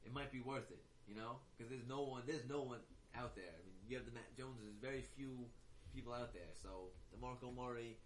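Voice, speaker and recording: A man co-hosting a casual fantasy football talk, animated and prone to ranting, with many fillers and restarts. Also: medium pitch, brisk, slight background noise, low-quality recording. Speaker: fantasy football podcast co-host. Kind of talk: casual chat.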